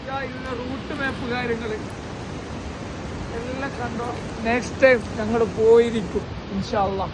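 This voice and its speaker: A man's voice: extremely high pitch, little pitch movement. A man chatting casually as a travel vlogger, with some English words mixed in. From Kerala, India. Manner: mixes English words into Malayalam. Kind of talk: casual vlog chat. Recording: loud rushing noise over outdoor audio.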